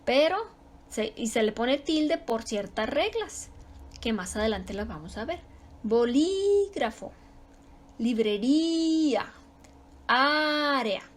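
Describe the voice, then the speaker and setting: A woman teaching a grammar lesson, explaining slowly and repeating example words with strong stress. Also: fairly high pitch, lively intonation.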